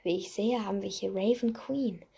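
A woman voicing a fussy old male wand maker, often in a hushed, whispery tone. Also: medium pitch, steady tone, moderate pace, creaky, slightly rough.

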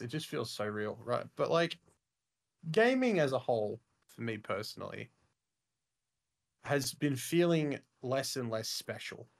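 A young man chats on a podcast in a mid-pitched voice. He rambles eagerly, piling on fillers like "like" and "freaking". His delivery is loose and unscripted. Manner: enthusiastic, rambling, says "freaking" and "mate" a lot. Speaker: podcast co-host. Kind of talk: casual chat.

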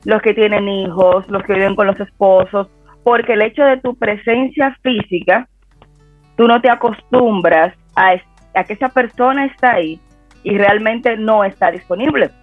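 A man from the Dominican Republic, a guest on a radio talk show, calmly explaining and giving advice. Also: sits high, moderate pace, no room sound. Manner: calm, explanatory, gives advice. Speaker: guest expert. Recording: tinny phone-line audio with faint music.

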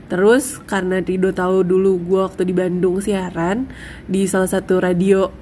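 A woman's voice: lowish voice, level tone, normal speed, a little mellow, a little hiss or hum. A young woman hosting a podcast in casual, chatty banter with friends. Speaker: podcast host, former radio announcer.

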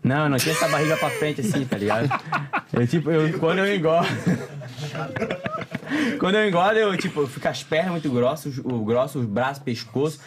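Against a noisy background, a young podcast guest with a slightly high voice talks at a moderate pace. His chat is casual and slangy, full of laughter and lively storytelling.

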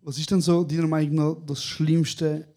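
A man's voice: fairly high pitch, moderate pace. A young man with a Swiss German accent, co-hosting a casual podcast recorded live and telling stories animatedly, with 'Bro' in almost every sentence. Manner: animated storyteller, says 'Bro' often. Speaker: podcast co-host. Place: small venue, live recording.

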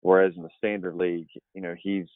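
A man's voice: deep voice, level tone, fast talker, no room sound. A man talking fantasy football on a podcast, rambling with many fillers and restarts. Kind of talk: casual podcast chat. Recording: dry, tinny phone-like line.

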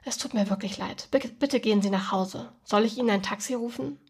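A woman's voice: mid-range voice, fairly quick, darkish tone, slightly rough. A woman reading the lines of a young woman at a club door, polite and apologetic but firm.

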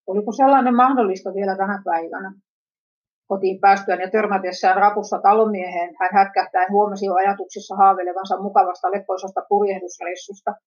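A woman's voice: mid-range voice, highs cut off. Woman reading a story aloud. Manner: plain steady reading with small slips. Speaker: narrator.

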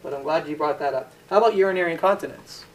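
Speaking rapid-fire in a fairly high voice, this man teaches pharmacology, posing questions to the class and supplying the answers himself. The mic sits far off in an echoey lecture room, and a faint hiss runs underneath.

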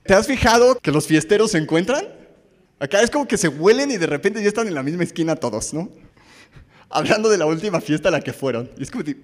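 A man's voice: high-pitched, very animated, fast talker, in a large hall. A man from Mexico with a Mexican Spanish accent, preaching a casual, joking sermon full of stories and questions to the audience. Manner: storytelling, conversational, asks the audience questions.

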